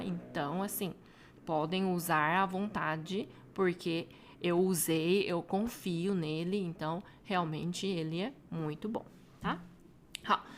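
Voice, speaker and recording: A woman with a Brazilian Portuguese accent, a Mandarin teacher walking viewers through a website in a chatty tutorial, tagging her sentences with quick questions. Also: fairly low pitch, a little hiss or hum. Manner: chatty, frequent tag questions. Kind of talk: casual screen-share tutorial.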